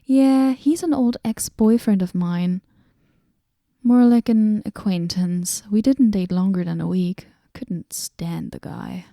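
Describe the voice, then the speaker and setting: A woman voicing a moody, aloof female goddess in a whispered role-play, talking with dry sarcasm and drifting into soft whispers. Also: mid-range voice, takes it slowly, gravelly, no echo.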